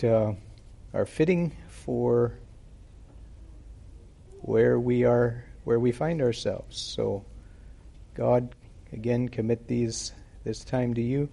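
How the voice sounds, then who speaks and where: Slow gravelly preacher at a pulpit microphone. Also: male voice, mid-range voice, fairly even intonation, dark tone. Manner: unhurried, deliberate, with frequent pauses and fillers. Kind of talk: sermon with prayer. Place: church service.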